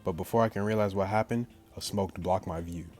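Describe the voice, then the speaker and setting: Game music plays behind a YouTuber who narrates a visual novel's text and tosses in slangy gags as he goes. His deep, darkish voice stays steady and moves fairly quickly.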